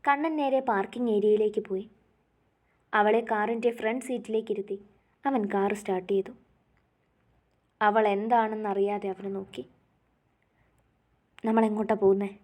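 A woman narrating a serialized romance story with a steady, expressive reading. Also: medium pitch, normal speed, long pauses.

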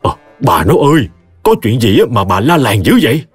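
A kindly older tea-seller man speaks mildly and calmly, as a male storyteller voices him. He talks at an everyday pitch with a lively lilt. The speech is soothing and unhurried, as in a storybook read aloud. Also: slightly rough, soft background music. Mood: gentle. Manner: mild, soothing.

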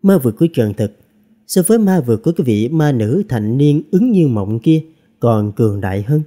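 A man narrating a fantasy novel as an audiobook reader, with expressive storytelling. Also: medium pitch, normal speed.

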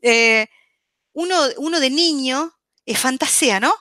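Woman, high voice, dry close sound, chatty radio explainer. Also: slow pace, no room sound. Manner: checks in constantly with the audience, warm teaching tone; chatty, with frequent fillers and restarts. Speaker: psychology speaker on a radio show.

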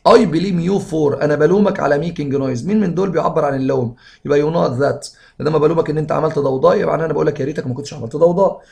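Egyptian guy teaching english grammar, rapid-fire, gravelly voice. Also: on the high side, darkish tone. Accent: Egyptian Arabic. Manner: fast, reads English sentences slowly then explains in Arabic. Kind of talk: explaining grammar exercises.

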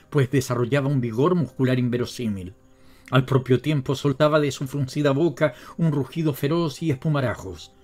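A man with a Latin American Spanish accent narrating a classic novel in a steady, dramatic storytelling manner. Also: medium pitch. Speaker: audiobook narrator. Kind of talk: scripted literary narration.

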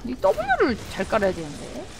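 A woman streaming a game live, excitable, often shouting and laughing and answering her chat. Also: a little high, a little slow, noisy background. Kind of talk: live gameplay commentary. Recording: game music playing clearly behind. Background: game music.

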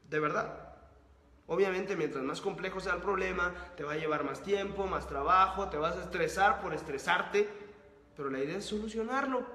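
A man's voice: high-pitched, fairly bright tone. A man hosting his channel, delivering a motivational monologue full of repeated rhetorical questions and lists. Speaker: host of a book-summary channel. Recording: roomy echo with long reverb.

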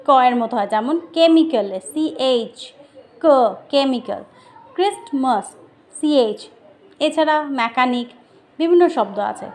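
A woman's voice: sits high, a little hiss or hum. A woman teaching phonics, who explains patiently and spells words out letter by letter. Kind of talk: phonics lesson for parents.

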